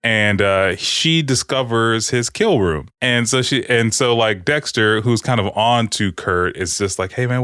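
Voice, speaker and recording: A man's voice: fairly low pitch, a bit bright, clean tone, no room sound, clean studio sound. A man co-hosting a podcast, rambling through a TV recap in casual, profane chat. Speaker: podcast co-host.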